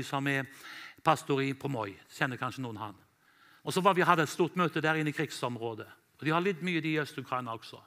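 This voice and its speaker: A man from Norway, an evangelist, telling a story in a church sermon, animated and quoting himself and others. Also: fairly high pitch. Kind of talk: sermon testimony.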